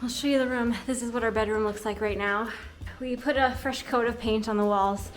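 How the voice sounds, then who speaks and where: Female vlog host, casual and chatty, voice a little on the high side. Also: fairly even intonation, a little fast, over music.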